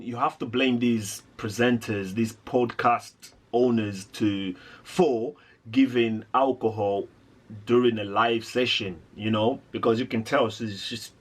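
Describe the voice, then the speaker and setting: Guy doing reaction commentary, fed up and rambling, kinda ordinary middle pitch. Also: breathy edge. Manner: indignant, rambling with fillers and restarts. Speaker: reaction video host.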